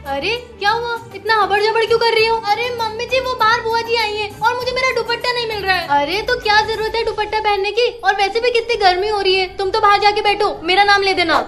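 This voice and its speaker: Young woman, very high voice, playful skit acting, music behind. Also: fairly even intonation, fast talker, few pauses. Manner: playful, switches between characters. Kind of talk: comedy skit role-play. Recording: background music.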